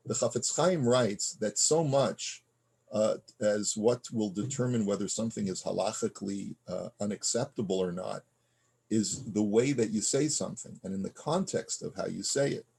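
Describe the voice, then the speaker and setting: Man, rabbi, low voice, husky, reads Hebrew text and explains in English, conversational teaching, fillers and restarts. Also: moderate pace, darkish tone. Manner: reads Hebrew passages aloud, then explains them in plain conversational English; frequent fillers and restarts, checking in with the listener. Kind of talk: text study lesson.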